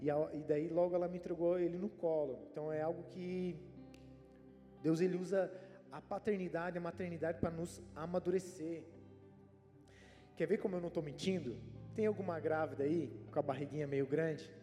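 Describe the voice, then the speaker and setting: High-voiced pastor preaching in an echoing hall. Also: male voice, fairly even intonation, normal speed. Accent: Brazilian Portuguese. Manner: conversational preaching, frequent "né?" tags. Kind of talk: sermon. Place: church hall. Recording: reverberant church hall with soft music.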